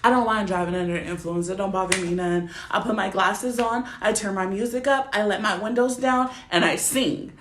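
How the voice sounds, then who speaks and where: A woman's voice: mid-range voice, steady tone, brisk, hardly any pauses, noisy background. Blunt, profane young woman vlogging in a roomy space. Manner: blunt, profane and emphatic, often asking the viewer to agree. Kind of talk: casual storytelling rant to camera. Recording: roomy echo.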